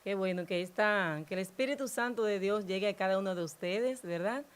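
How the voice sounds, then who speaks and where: A woman hosting a religious program, reading scripture aloud in a slow, devotional way and then asking the priest about it. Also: mid-range voice, smooth. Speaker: host.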